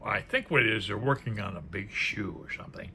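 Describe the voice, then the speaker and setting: A man presenting and reviewing a tarot deck gives casual, unscripted commentary, musing aloud and trailing off into murmured asides. His lowish voice is expressive and brisk, with vocal fry and a sharp tone. Faint background noise is audible.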